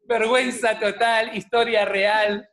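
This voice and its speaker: A man's voice: high voice, slow pace. A middle-aged man with an Argentine accent gives a religious talk at home, telling stories with jokes and asides to the audience. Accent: Argentine Spanish (Rioplatense). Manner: animated, jokey, many asides to the audience. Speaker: speaker giving a religious talk. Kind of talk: humorous storytelling talk. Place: at home, on camera.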